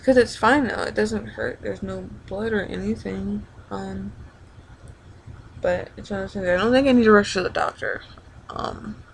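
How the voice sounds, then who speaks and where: A young woman talks to her viewers in a casual, rambling video diary. Her voice sits at an ordinary pitch with a gravelly fry. She halts and doubles back as she goes, over faint background noise. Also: rough recording. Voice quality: creaky vocal fry. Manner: rambling, halting, informal with frequent backtracking. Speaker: vlogger.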